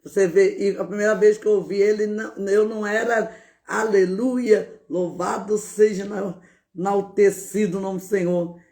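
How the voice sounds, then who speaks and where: A woman preacher giving a fervent testimony, often breaking in with words of praise and now and then shouting out. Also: mid-range voice, fairly even intonation, moderate pace, gravelly. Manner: bursts into shouted exclamations. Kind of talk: fervent spoken testimony on a live stream.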